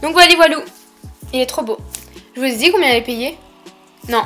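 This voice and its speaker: Casting: young female haul vlogger, high-pitched, lisping s, informal chatty delivery, faint music underneath. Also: brisk, sharp tone. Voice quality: lisp on s sounds. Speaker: vlogger presenting a shopping haul. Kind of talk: casual chatty haul presentation.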